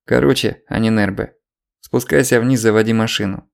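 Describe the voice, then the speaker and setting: A man reading an audiobook, voicing a gruff, sardonic middle-aged official woken in the night. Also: on the low side, fairly even intonation, normal speed. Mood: curt.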